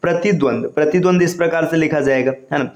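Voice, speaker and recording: A man's voice: fairly high pitch, quick pace, a little mellow. A man teaching an exam-prep spelling lesson, explaining each word patiently and often checking in with his listeners. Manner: repetitive, explanatory, frequent tag questions. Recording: echoey room.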